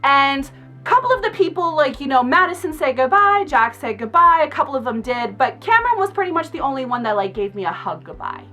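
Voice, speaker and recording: A young adult woman, a makeup artist, telling a casual storytime on her vlog in an outspoken, animated way, laughing often. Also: high-pitched, brisk, soft background music.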